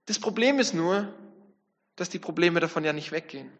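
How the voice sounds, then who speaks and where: A man with a high voice gives a sermon, reflective in tone and turning often to his listeners with questions. His words ring out with a long reverb in a church hall. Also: moderate pace, fairly bright tone. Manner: reflective, speaks to the congregation directly. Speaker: preacher.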